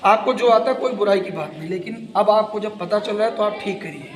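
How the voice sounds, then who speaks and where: A man's voice: sits high, fairly quick. A man with an Indian Hindustani accent teaching Quran reading, patiently spelling out letters and repeating sounds step by step. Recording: echoey room with reverb.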